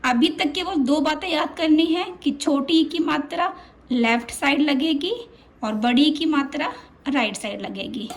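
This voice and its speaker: A woman's voice: sits high, a little slow. A woman teaching a children's lesson, patient and drawing out each sound as she repeats it.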